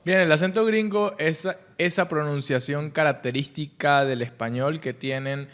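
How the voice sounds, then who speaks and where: A man cohosting a language podcast, explaining things in a calm, casual way. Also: fairly high pitch, moderate pace. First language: Spanish.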